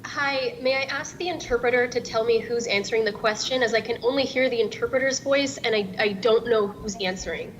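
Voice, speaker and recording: A woman's voice: brisk, few pauses. A woman asking questions remotely as a news reporter at a press briefing, polite and a little hesitant. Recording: muffled remote call line, noisy, rumbling.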